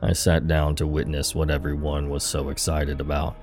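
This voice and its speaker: A man hosting a podcast, narrating a scary true story in a steady, hushed way. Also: rumbling low, normal speed. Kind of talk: scripted horror story narration. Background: soft music.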